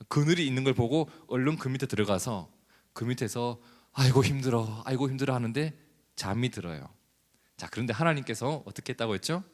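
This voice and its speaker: A male pastor delivering a sermon in a church, animated and asking the congregation questions. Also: mid-range voice, in a large hall.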